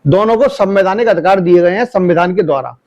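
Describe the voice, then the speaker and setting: Male debate panelist, high-pitched, insistent, lecturing, keeps interrupting. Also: fast, a little mellow. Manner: insistent, keeps cutting in with "look" to explain. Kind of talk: heated TV studio debate.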